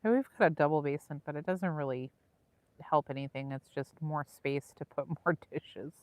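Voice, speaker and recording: A woman's voice: low voice, moderate pace, a little mellow, no echo. A woman hosting a livestream from beside a lake, chatting casually with viewers in an easygoing, rambling way. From Southern California. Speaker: livestream host. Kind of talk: casual chat with live viewers. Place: outdoors by a lake.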